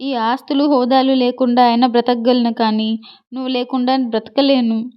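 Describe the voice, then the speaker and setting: A woman's voice: on the high side, flat delivery, normal speed, smooth, highs cut off, close to an everyday voice. Woman voicing a lovestruck tearful young woman. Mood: pleading. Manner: pleading, emotional. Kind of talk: storybook reading.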